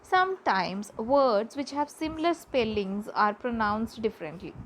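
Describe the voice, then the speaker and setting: Lady teacher, slow, kinda high voice, faint hiss behind. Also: poor audio. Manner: slow, repeats words for pronunciation practice. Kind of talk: classroom lesson. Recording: faint background noise.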